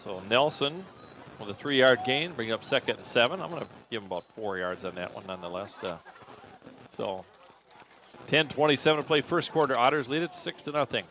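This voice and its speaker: Man calling high school football on local radio. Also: fairly quick, slight background noise. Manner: steady play calling that jumps up in pitch and volume on big plays; thinks aloud and corrects himself on the spot. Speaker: play-by-play announcer.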